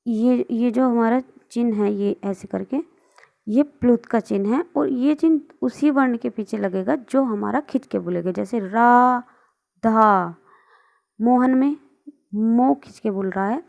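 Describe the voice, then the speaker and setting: A woman's voice: fairly high pitch, vocal fry, warm tone, dull audio. A woman teaching a grammar lesson online, explaining on screen and patiently asking and answering her own questions.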